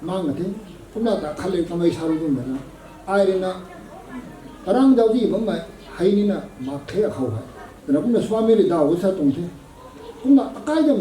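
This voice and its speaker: A man preaching a sermon at a prayer meeting, measured and slow, with English words slipped in. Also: high-pitched, dark tone. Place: prayer gathering hall. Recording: echoey hall, voice from a distance.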